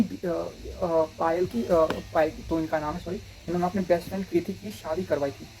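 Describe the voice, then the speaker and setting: A man's voice: sits high, warm tone, a little hiss or hum, poor audio. A man giving casual, rambling commentary on video clips as commentator, often stopping to check that his listeners follow.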